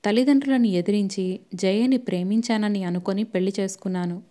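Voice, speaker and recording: A woman narrating a novel as an audiobook, reading in a steady, even storytelling manner. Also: medium pitch, a little fast.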